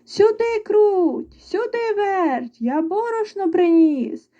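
A woman voicing a patient, hardworking little male rooster in a storybook reading, sometimes in a soft half-whisper. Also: sits high, expressive, moderate pace, muffled recording. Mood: calling.

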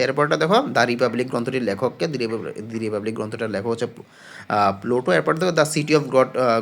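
A man talks students through exam questions in a relaxed spoken lesson. His voice sits at an ordinary middle pitch, and he pauses often on fillers. He keeps posing questions and answering them himself. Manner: explains patiently, asks and answers own questions; frequent hesitation fillers. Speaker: exam-prep tutor.

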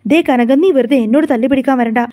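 A woman's voice: high-pitched, fast, warm tone, natural voice. A woman reading Jalaja, a defensive wronged mother. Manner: protesting, pleading innocence.

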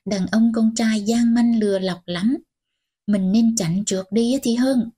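A woman voicing a stern, old-fashioned grandmother, scolding in a slow, husky voice. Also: on the high side. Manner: scolding, sharp and commanding.

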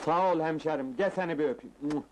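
A man's voice: on the high side, brisk, a little mellow, slight background noise, close to an everyday voice, low-quality recording. An actor playing a naive young man from the provinces, looking for work and speaking rustically. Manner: rustic, exclamatory.

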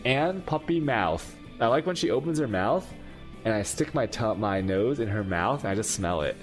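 A man's voice: on the low side, expressive, moderate pace, faint music behind. Playful rambling male streamer. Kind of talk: casual gaming stream chat.

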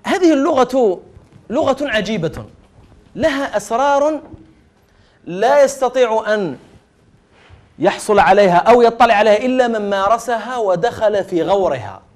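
A man's voice: high voice, lively intonation, moderate pace, long pauses. A middle-aged man giving a televised religious lecture, speaking emphatically, repeating key phrases and addressing his students directly. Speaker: lecturer on Arabic language sciences.

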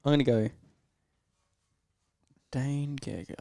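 A male co-host with a broad New Zealand accent and a clean, smooth voice at middle pitch. He chats casually about sport in short, easygoing remarks. The sound is close and dry. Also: takes it slowly, mellow, no echo. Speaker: podcast co-host. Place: small indoor podcast setup, backdrop and curtains. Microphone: headset mic.

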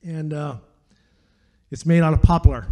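An older man spins a rambling, chatty story, his voice mellow and set a little high for a man. He tosses in dude and man and talks in a relaxed, easygoing flow. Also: measured pace. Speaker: flutist. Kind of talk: casual storytelling.

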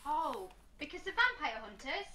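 A woman's voice: high voice, big pitch swings, moderate pace, pushed and bright, slight background noise, heavily acted, low-quality recording. An actress playing a naive young woman obsessed with vampires, eager and breathless. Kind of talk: horror game acting.

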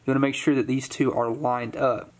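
A man's voice: medium pitch, a little fast. Young man explaining car repair. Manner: relaxed, explanatory, with corny jokes. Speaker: car restoration vlogger. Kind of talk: hands-on how-to narration. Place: home garage.

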